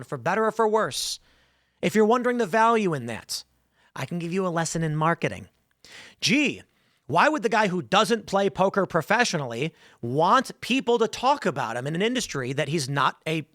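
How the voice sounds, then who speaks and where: Man, podcast host, casual emphatic rambling, sharp bright tone, dry sound. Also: sits high, no echo. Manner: rambling, emphatic storytelling with many fillers.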